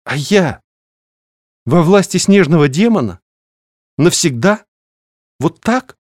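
A man's voice: on the high side, expressive, takes it slowly, darkish tone, dry recording, clean studio sound, pitched above the performer's own voice. A man voicing an anxious young female student in an audiobook, pleading and upset. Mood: distressed. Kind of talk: audiobook reading.

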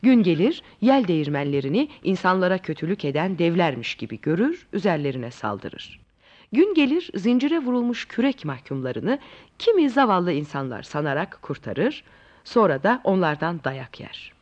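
A narrator telling a classic tale in a lively, inviting way. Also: medium pitch, moderate pace. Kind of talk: storybook narration. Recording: dull lo-fi recording.

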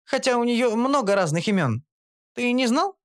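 A man's voice: very high-pitched, expressive, moderate pace, voice pushed up. A man voicing an earnest, anxious young female gnome in an audiobook. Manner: eager, pleading. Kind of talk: audiobook character voice.

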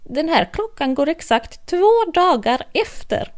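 A woman doing a high giddy mad hatter. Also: big pitch swings. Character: scatterbrained eccentric male hatter.

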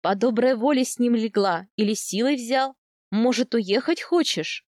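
A woman voicing a serious older nobleman in an audiobook, asking calmly and earnestly. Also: on the high side, moderate pace, no echo, studio quality, lightly acted.

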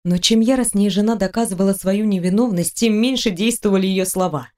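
A woman's voice: medium pitch, fairly quick, darkish tone. Woman narrating an audiobook. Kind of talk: scripted narration.

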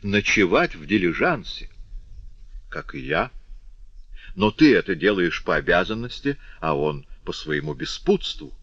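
A man's voice: low-pitched, big pitch swings, unhurried, creaky, a bit bright, slightly rough, dry recording, lo-fi sound, heavily acted. A man voicing a prim, inquisitive old spinster aunt who fusses and coaxes. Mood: coaxing. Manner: fussing, coaxing and exclaiming.

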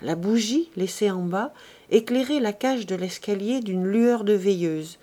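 A woman reading a classic novel aloud as an audiobook, measured and expressive. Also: medium pitch. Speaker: audiobook reader.

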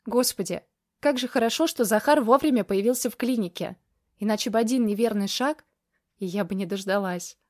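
A woman's voice: a little high, brisk, no echo, lightly acted. Woman voicing a weepy, loving grandmother, slightly raised voice, dry studio sound. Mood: emotional. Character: tearful loving grandmother in a wheelchair.

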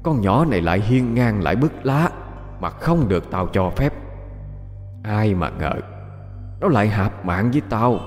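A man's voice: lowish voice, lively intonation, darkish tone, big-room sound, soft background music. A man voicing a mocking tree demon. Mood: menacing. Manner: slow, mocking, with eerie laughter. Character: sneering evil female tree spirit possessing a girl.

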